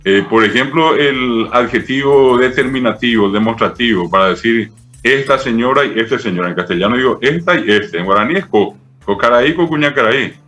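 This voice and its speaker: A middle-aged Paraguayan man appears as a guest professor of Guaraní in an explanatory interview, speaking at normal speed in a mid-range, slightly bright voice with faint music behind. He explains patiently and didactically, filling his talk with many "eh" and "¿verdad?".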